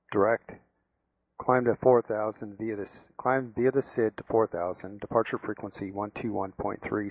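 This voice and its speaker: A man working as a pilot, reading back clearances in procedural radio phrasing. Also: on the low side, dry recording. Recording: dull, dry radio audio.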